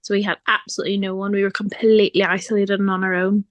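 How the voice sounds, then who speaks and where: A woman's voice: medium pitch, little pitch movement, quick pace, no echo, muffled recording. A woman from Ireland, a podcast guest talking openly in a casual chat and laughing often. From Northern Ireland. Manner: chatty and open, laughs often.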